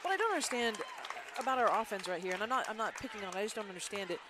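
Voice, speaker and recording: A woman doing play-by-play for a school basketball game, chatty and quick with her calls, with frequent agreeing hums. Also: medium pitch, sing-song, a loud crowd, heavy background noise. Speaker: play-by-play announcer. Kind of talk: live basketball commentary.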